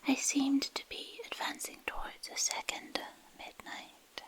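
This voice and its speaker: This is an ASMR reading of a literary fantasy story: a woman whispers breathily and intimately, pausing after each short phrase. She speaks near a binaural microphone positioned ear to ear.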